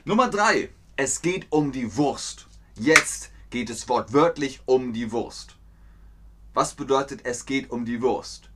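A man teaching idioms in a language lesson, slow and clear, repeating phrases and acting out little scenes in playful put-on voices. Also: medium pitch, fairly bright tone, a little hiss or hum. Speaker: German teacher.

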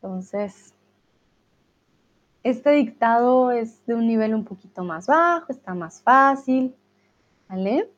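A woman's voice: on the high side, expressive, slow pace, pauses often. A woman teaching a language class on a live stream, patiently explaining and chatting with viewers. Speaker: Spanish teacher. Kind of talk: live-streamed lesson reading chat. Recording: dull lo-fi stream audio.

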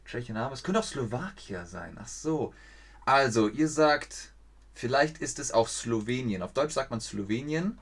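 A man's voice: medium pitch, expressive, normal speed. Chatty male streamer thinking aloud. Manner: chatty, thinks aloud, reads viewer chat, stumbles over foreign names. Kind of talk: live-streamed geography game commentary.

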